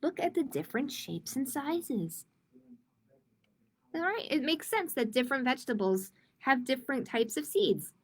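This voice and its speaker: Hosting an online children's library storytime that is streamed live, an adult woman reads picture books to young children with expression and chats casually with viewers. She has a high voice with a breathy edge and big swings in pitch, speaking at normal speed.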